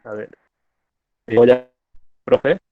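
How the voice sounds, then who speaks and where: A male student speaking up in an online class over a choppy connection that cuts out, hesitant and halting with many fillers and restarts. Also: medium pitch, no room sound. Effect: choppy online call connection, cutting out. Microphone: video call. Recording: tinny, dry call audio.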